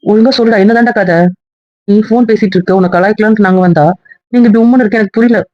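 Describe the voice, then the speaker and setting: A man doing a pushy, fast-talking teasing friend. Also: high-pitched, steady tone, no room sound, voice pushed up, natural voice. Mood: pressing. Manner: insistent, nagging questions. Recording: dull lo-fi recording.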